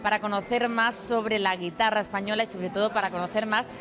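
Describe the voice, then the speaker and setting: A woman reporting on location for TV, asking friendly questions in quick succession. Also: mid-range voice, steady tone. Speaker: field reporter. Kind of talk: on-location TV interview.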